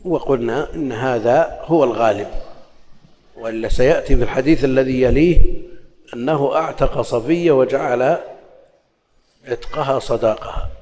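A man with a medium, darkish voice gives a religious lesson on hadith as an Islamic scholar. He alternates formal recitation with casual asides while explaining texts, his words echoing with long hall reverb.

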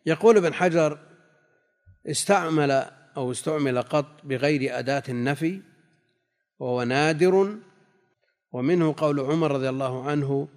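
A slightly high-voiced man teaches a classical text lesson. He reads his quotes slowly and repeats the key phrases. A long hall reverb trails every word. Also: darkish tone. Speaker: religious teacher.

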